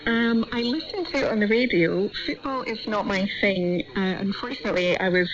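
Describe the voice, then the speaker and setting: A woman's voice: mid-range voice, brisk, dull audio, a crowd in the background. A woman from Australia with a strong Scottish accent, talking conversationally as a guest on a discussion panel. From Australia, born and raised in Sydney.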